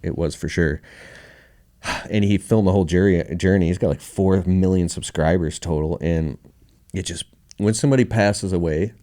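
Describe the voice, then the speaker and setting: A man's voice: deep voice, moderate pace, dark tone. A man being interviewed as a podcast guest, telling a personal story in a candid, emotional, casual way, with slang like bro and dude.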